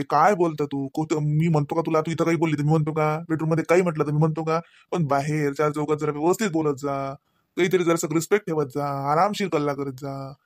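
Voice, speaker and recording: Guy doing a cranky cartoon husband, rapid-fire lecturing, dry studio. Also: on the high side, no room sound, lightly acted. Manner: nagging, lecturing, rapid scolding. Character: scolding husband Ravi, grown man, short-tempered. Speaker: voice actor. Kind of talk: cartoon voice acting.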